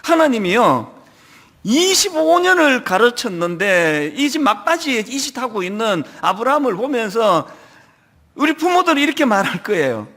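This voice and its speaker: A man's voice: extremely high pitch, sing-song, normal speed, fairly bright tone. A middle-aged man from South Korea, a pastor preaching a sermon and telling a story with acted-out voices. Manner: storytelling, acting out quoted voices.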